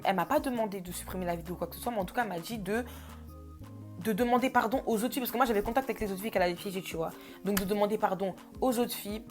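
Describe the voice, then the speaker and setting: Young woman, rapid chatty storytime, slangy, fillers, soft music underneath. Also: medium pitch. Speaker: vlogger. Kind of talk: casual storytime.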